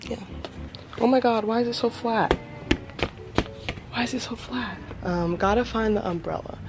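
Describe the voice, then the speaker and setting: Young woman vlogger, slightly high voice, playful, swears casually, handheld camera. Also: normal speed, background noise. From Los Angeles area, United States. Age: 20s. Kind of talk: casual vlog chat. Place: house and garage, then an outdoor beach. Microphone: handheld camera at arm's length.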